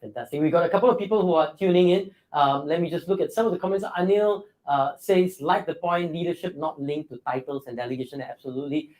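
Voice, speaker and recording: A man's voice: fairly high pitch, fast, hardly any pauses, a little mellow, low-quality recording. Encouraging male interview host. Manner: encouraging, affirming, many fillers. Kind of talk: live interview and reading viewer comments.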